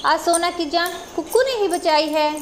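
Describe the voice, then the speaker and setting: A kind young village daughter-in-law, voiced by a woman, in a children's storybook. She talks soothingly and with affection, in a very high voice over faint ambience. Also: moderate pace, a little hiss or hum. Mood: gentle.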